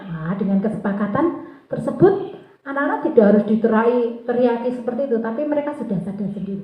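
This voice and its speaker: A woman who teaches kindergarten gives an informal presentation to fellow teachers in a warm, coaxing way, pausing often on filler sounds. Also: fairly high pitch, animated. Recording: tinny and echoey.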